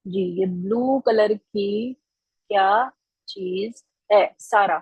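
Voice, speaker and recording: A woman's voice: mid-range voice, very slow, a little mellow, slightly rough, dry recording, highs cut off. A woman teaching children in an online class, patient and encouraging, repeating each answer back to them.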